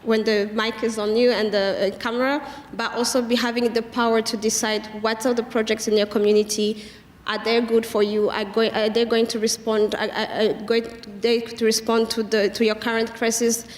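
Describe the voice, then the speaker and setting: A woman's voice: a little high, little pitch movement, moderate pace, reverberant, long reverb tail. A young woman from Rwanda, a youth climate advocate on a panel, speaking earnestly and steadily.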